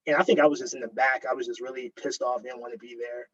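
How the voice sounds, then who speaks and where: Husky-voiced man telling a story. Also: mid-range voice, fast. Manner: relaxed, filler-heavy storytelling. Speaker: guest, graduate student. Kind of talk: casual storytelling. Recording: dull lo-fi recording.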